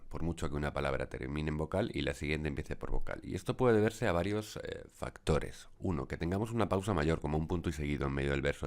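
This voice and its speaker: A man with an extremely low voice talks through a lesson over his screen recording. He explains step by step in a measured, patient way and often pauses on small fillers. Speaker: teacher.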